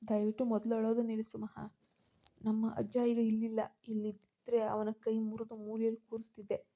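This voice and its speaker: A man's voice: sits high, monotone, dull audio. A woman voicing a hot-tempered protective young man. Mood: stern. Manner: scolding, fast and forceful.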